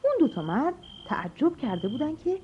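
A woman narrating a children's storybook, expressive and addressing the kids. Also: sits high, noisy background. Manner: animated, expressive. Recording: dull lo-fi audio with music.

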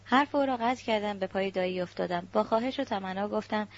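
A woman narrating a novel in the first person in a sorrowful storytelling manner. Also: mid-range voice. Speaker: audiobook narrator. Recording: dull lo-fi recording.

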